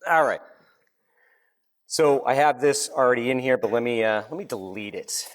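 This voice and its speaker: Boston man demoing CAD software. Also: medium pitch, brisk. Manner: relaxed, joking, step-by-step. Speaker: presenter. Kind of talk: live technical demo. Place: conference session room.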